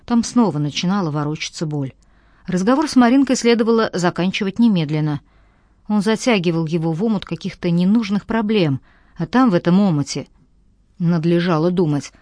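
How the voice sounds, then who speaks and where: A woman reads a novel aloud in a measured, steady manner. Her voice sits on the low side, close and dry with no room sound. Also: no echo. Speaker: audiobook narrator. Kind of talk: scripted narration.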